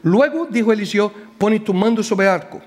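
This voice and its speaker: A man preaching a Bible lesson in Spanish that is not his first language, asking the listeners questions and pausing to search for words. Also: high voice, big-room sound. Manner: animated, asks the audience questions, hesitant with word searches. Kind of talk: sermon, Bible teaching.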